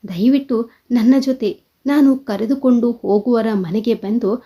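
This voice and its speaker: A woman's voice: on the high side, measured pace, breathy edge. A woman voicing an earnest, persuasive young man who pleads and reasons, in a dull lo-fi recording.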